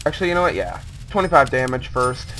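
A man's voice: mid-range voice, fast talker, background noise. A young man hosting a gameplay video with friends, joking and rambling in casual commentary, with game sounds and voice chat behind. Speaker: gaming video host.

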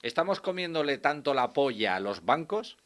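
A man's voice: medium pitch, sing-song, normal speed, a bit bright. A man co-hosting a casual radio chat, ranting in a sarcastic, profane way. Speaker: radio co-host.

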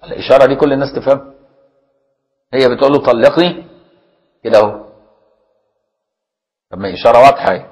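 A man with an Egyptian accent teaching Islamic jurisprudence in a religious lesson. He reads a classical text, then explains it in everyday speech and keeps asking his students whether it is clear. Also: mid-range voice, fast, pauses often, darkish tone, poor audio. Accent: Egyptian Arabic. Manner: explains plainly, often asks listeners if it is clear.

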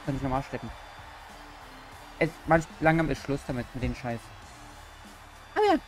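A woman doing excitable gameplay commentary as a YouTuber, cheering on her wrestler and swearing bluntly. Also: rumbling low, normal speed, faint music behind, low-quality recording. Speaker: gaming YouTuber.

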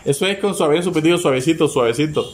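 Excitable man hosting party games. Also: fairly high pitch. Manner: urgent cheering, rapid repeated urging, laughing. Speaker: host running family party games. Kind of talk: excited play-by-play commentary. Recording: noisy home recording.

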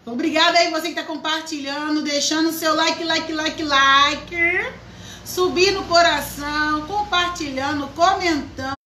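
A woman's voice: high-pitched, steady tone, normal speed, hardly any pauses, a bit bright, echoey room, slight background noise, low-quality recording. A woman hosting a live craft tutorial, chatting and greeting viewers by name as she works. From Brazil. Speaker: craft teacher, live stream host.

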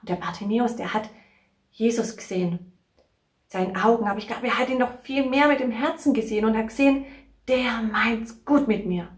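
A woman's voice: fairly high pitch, brisk. A woman presenting a children's church video, chatting casually with a puppet, chatty with many fillers. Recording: echoey room.

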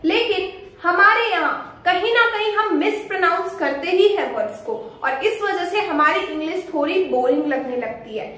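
High-voiced Indian woman teaching English. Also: a bit bright. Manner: slow, drawn-out example sentences with repeated quiz questions. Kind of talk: pronunciation lesson. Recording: very echoey room, faint noise.

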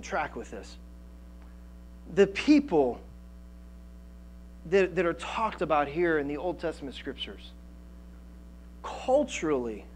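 A man in his thirties preaching a sermon on a church stage through a headset mic, animated, with frequent restarts and fillers. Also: on the high side. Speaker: pastor. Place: church stage with band gear, indoors.

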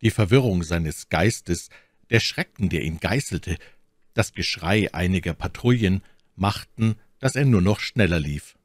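Male audiobook narrator, very deep, dry close mic, measured storytelling. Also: animated, no room sound. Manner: measured storytelling with acted voices. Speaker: audiobook reader. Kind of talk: audiobook narration of a classic novel.

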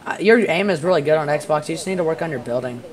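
A teenage boy streaming a video game, chatting in a rambling, excitable way with a friend and his chat. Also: fairly high pitch, quick pace. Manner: excitable, rambling gamer banter. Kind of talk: casual gaming stream chat. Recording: noisy home gaming stream.

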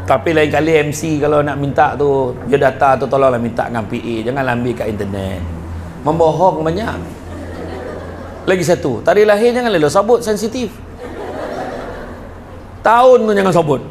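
A middle-aged man with a Negeri Sembilan Malay accent giving a humorous religious lecture to parents and teachers at a school event. He tells jokes and stories in an animated way, then drops to a low, earnest tone to deliver the moral. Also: brisk, slight background noise. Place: school event before a live audience.

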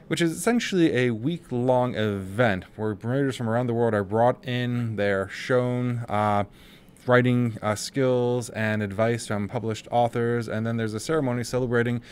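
A man's voice: mid-range voice, normal speed, smooth. A man hosting a casual interview, teasing his guest and asking rambling questions. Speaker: interviewer host. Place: author venue room.

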